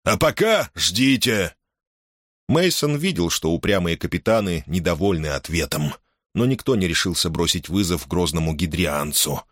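A man narrating a science fiction audiobook in a measured, even reading style. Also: low voice, dry recording, clean studio sound. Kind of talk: scripted narration.

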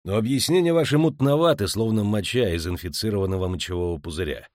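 A man voicing a calm, hardened monster hunter with a dry, sardonic manner. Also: fairly low pitch, quick pace, no room sound, natural voice.

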